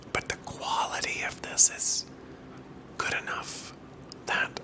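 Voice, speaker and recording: An ASMR creator whispers very close to a wireless microphone in a casual, rambling and candid vlog chat, breathy and occasionally soft-spoken. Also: poor audio. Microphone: clip-on wireless microphone, held close.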